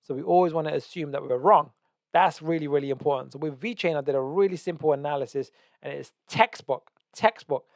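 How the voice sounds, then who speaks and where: A man's voice: on the high side, fast talker, darkish tone, dry recording, studio quality. A man teaching trading, walking through a chart analysis with emphatic repetition and frequent "right?" checks. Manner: emphatic, repeats key words, asks "right?". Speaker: trading educator. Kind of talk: screen-share market analysis.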